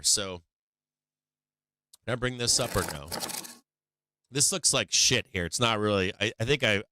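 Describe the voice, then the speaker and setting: Guy livestreaming trades, thin tinny voice no bass, bright and clear, rambles and swears a lot. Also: no room sound. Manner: rambling, profane, blunt. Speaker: stock trading livestream host. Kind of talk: casual live trading commentary.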